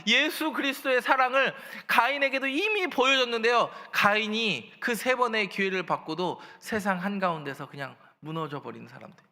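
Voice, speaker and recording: A man's voice: sits high, bright, forceful tone. A male pastor in his forties preaching a sermon in a church and asking the congregation questions. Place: church sanctuary. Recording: church hall reverb.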